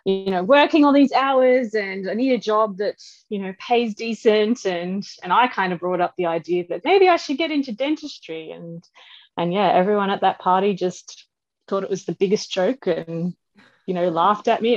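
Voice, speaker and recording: Female interview guest, Australian accent, mid pitch, informal rambling storyteller, close dry but lo-fi audio. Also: dry recording. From Western Australia. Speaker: podcast guest, dental professional.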